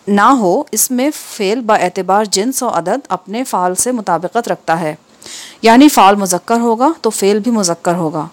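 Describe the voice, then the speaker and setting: A woman reading an Urdu textbook aloud, with careful, measured delivery and steady pauses between items. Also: medium pitch. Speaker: textbook reader.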